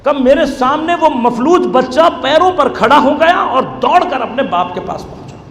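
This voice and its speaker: High-voiced preacher in an echoey hall. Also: male voice, expressive, a bit bright. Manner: storytelling, rising to impassioned wailing appeals. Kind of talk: Shia majlis sermon. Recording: echoey hall recording, faint background noise.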